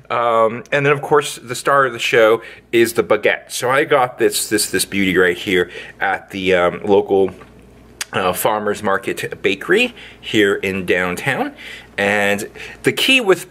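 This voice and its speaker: Host, male, cooking vlogger: lively rambling delivery, bright voice, faint room hiss. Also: medium pitch. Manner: playful, rambling, with sing-song sound effects. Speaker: home cook, channel host. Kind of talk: casual cooking demo. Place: indoor kitchen, overhead camera on hands.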